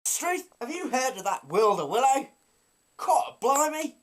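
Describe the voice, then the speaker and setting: Man acting a silly local fellow, excitable, high-pitched, swooping, exaggerated drawn-out exclamations, comic vlog. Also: noisy background, exaggerated voice. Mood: bored, exclaiming.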